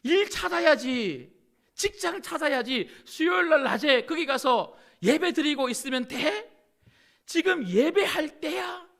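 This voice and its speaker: A man voicing a scornful, skeptical man who mocks a churchgoer with rapid-fire incredulous questions. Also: very high voice, expressive, creaky, fairly bright tone, voice pushed up, full character voice.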